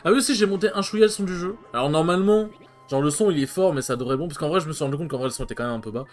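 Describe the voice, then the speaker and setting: A man's voice: on the high side, very fast, faint music behind. A man hosting a let's play, giving loose, chatty commentary and swearing casually.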